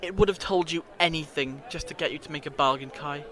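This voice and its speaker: A man's voice: on the high side, quick pace, bright, forceful tone, a faint crowd. A man playing a clever, theatrical, reassuring alien time traveller in a fan audio drama, explaining things eloquently. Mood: ominous.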